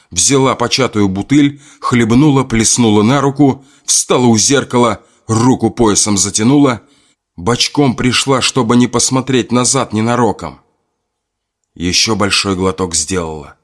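A man narrating a horror folk tale in a grim, measured storytelling manner. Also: fairly low pitch.

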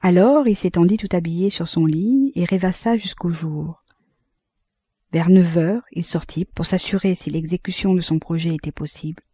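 A woman narrating an audiobook of a classic novel in a calm, measured way, close to the mic. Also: on the low side, slightly rough, dry recording. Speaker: audiobook reader.

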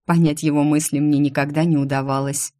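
A woman narrating a first-person audiobook in a soft, intimate, expressive reading voice. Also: low-pitched, a little fast.

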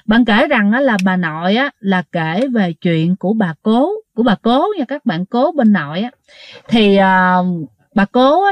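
Woman, ghost story narrator, lively pitch, dry close sound. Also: no room sound, lo-fi sound. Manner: animated, acts out quoted dialogue. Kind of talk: casual storytelling to listeners.

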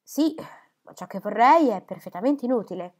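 A woman voicing a lively, impulsive young woman in a storybook reading, eager and quick to brighten. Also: on the high side, pitched above the performer's own voice.

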